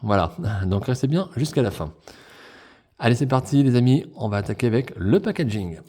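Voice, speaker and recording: A man chatting enthusiastically through a toy unboxing review, full of fillers and quick self-corrections. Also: mid-range voice, animated, mellow. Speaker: toy collector reviewing a figure pack.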